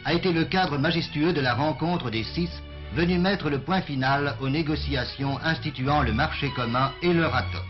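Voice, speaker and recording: A man's voice: fairly high pitch, moderate pace. A man narrating a 1950s newsreel in a formal, stately announcing manner, heard as an old archive recording. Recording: dull lo-fi archive newsreel with music.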